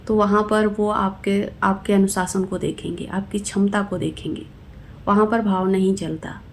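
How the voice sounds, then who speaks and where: A woman speaks at an ordinary medium pitch as a spiritual teacher. Her delivery is calm and instructive, and she addresses her viewers directly. A faint hiss sits under the recording. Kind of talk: devotional explainer video.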